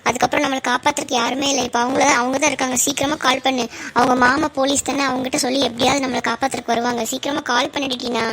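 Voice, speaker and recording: A woman's voice: sits high, little pitch movement, vocal fry, a bit bright, a little hiss or hum. A woman voicing a frightened teenage girl urging her friends to hurry, in a cartoon. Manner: urgent, hurried, pressing the others.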